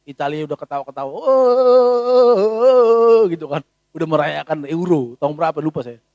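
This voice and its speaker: A pastor preaching a sermon in a casual, animated way, full of rhetorical questions. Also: male voice, on the high side, racing, no room sound, highs cut off.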